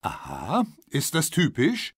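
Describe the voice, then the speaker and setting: A man acting a friendly interviewer in a scripted language-lesson dialogue, asking questions slowly. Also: medium pitch, wildly swooping pitch, slightly rough, no room sound, studio quality, heavily acted. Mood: curious. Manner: slow, inviting questions. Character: friendly man interviewing people about breakfast.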